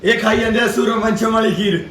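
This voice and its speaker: A man's voice: high-pitched, steady tone, fairly quick, a bit bright. A man in casual banter with friends. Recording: echoey, noisy room recording.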